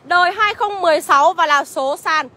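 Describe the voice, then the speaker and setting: A woman's voice: very high-pitched, brisk, sharp tone. A woman with a Northern Vietnamese accent livestreaming from a used car lot, chattily rattling off car features and prices. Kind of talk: livestream sales pitch.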